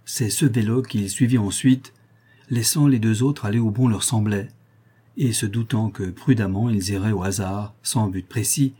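A man narrating a novel in a measured, even storytelling manner. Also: lowish voice, breathy edge. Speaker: audiobook narrator.

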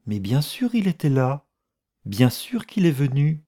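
Man playing a reserved middle-aged woman, soft and quiet, low dark voice, audiobook. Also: unhurried, slightly rough, dry recording, studio quality. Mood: puzzled. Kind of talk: audiobook reading.

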